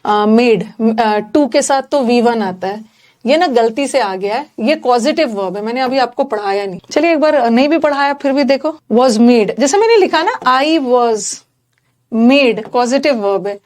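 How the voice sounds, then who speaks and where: A woman's voice: fairly high pitch, lively intonation, unhurried, a little mellow. A woman giving an exam-prep grammar lecture, explaining in a mix of Hindi and English and putting questions straight to her students.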